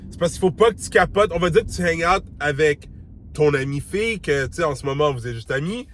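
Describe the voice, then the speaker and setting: A man's voice: a little high, expressive, fairly quick, slight background noise. A man with a Québécois French accent giving dating advice in a casual, slangy monologue, dropping English words and acting out the lines he quotes.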